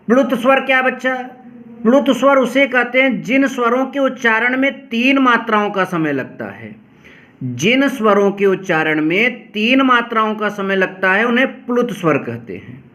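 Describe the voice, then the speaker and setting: A male teacher giving a lesson, repeating each definition slowly and calling on his students to pay attention. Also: very high voice, animated, sharp tone. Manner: addresses students directly, often says "pay attention". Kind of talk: classroom lesson explaining grammar.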